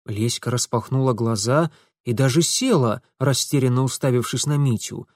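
A man narrating an audiobook in an expressive storytelling manner. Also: medium pitch, moderate pace, no room sound, clean studio sound.

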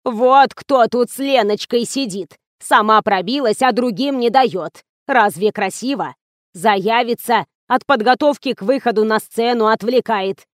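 A woman's voice: on the high side, no room sound, studio quality, lightly acted. Woman doing a quavering old actress. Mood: fussy. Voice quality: quavering, slow and drawn-out. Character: frail old female actress, fussy and half-deaf. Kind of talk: audiobook character reading.

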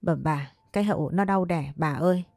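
A woman narrator plays a blunt young servant girl, curt and scolding, low and mellow in tone. The voice sits dry and close to the mic. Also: moderate pace, no room sound. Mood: irritated, urgent.

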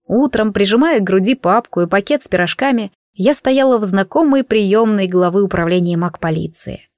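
A woman reading a humorous fantasy audiobook in a lively, ironic storytelling manner. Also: medium pitch, normal speed, no echo, clean studio sound. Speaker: audiobook narrator. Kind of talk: expressive audiobook narration.

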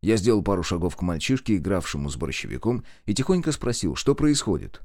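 A man narrating a horror story with expressive, tense reading. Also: deep voice, quick pace, dry recording, clean studio sound.

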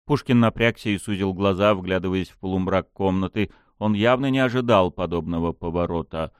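A man narrating a fantasy audiobook in an even, dramatic storytelling manner. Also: low voice, fairly quick, clean tone, no room sound, clean studio sound.

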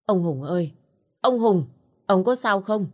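A woman voicing a sleepy, alarmed middle-aged male neighbor who asks brisk, urgent questions. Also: sits low, a little mellow, slightly rough. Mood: calling out.

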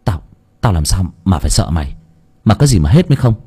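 A man's voice: deep voice, sing-song, fairly quick, dark tone, breathy edge, big-room sound, full character voice. A man voicing a troubled young male student in an audiobook, defensive and strained.

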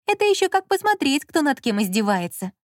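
A woman's voice: high-pitched, a little fast, darkish tone, no echo, studio quality, voice pushed up, lightly acted. A woman reading an audiobook and voicing a capricious, playful young woman who whines and teases. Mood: grumbling. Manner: whiny, teasing, shrieks in fright. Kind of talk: audiobook character voice.

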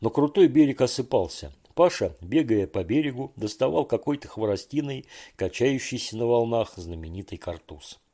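A man reading a children's story aloud with calm, even storytelling. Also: mid-range voice, normal speed, hardly any pauses. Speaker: narrator.

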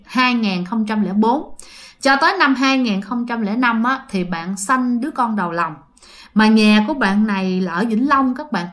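Medium in pitch with a fairly bright tone, this woman spins a ghost story in a relaxed, chatty way. She speaks straight to her audience, keeping the horror tale casual.

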